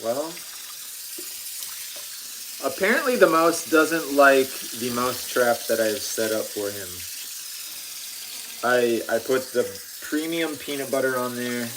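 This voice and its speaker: A middle-aged man hosts a casual live cooking stream from his home kitchen, speaking slowly with long pauses and lively intonation in a medium-pitched voice. He rambles, pokes fun at himself, and says "um" a lot. The background is noisy.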